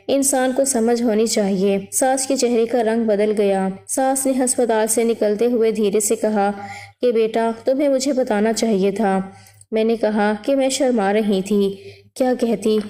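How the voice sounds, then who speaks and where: Mellow higher-pitched woman narrating a story. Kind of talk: scripted first-person story narration.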